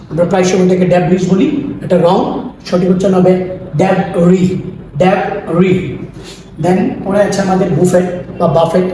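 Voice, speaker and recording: A man with a Bangladeshi accent teaching English pronunciation, repeating each word slowly and mixing English words into his talk. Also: high voice, heavy reverb, recorded from a distance, background noise. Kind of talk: language lesson.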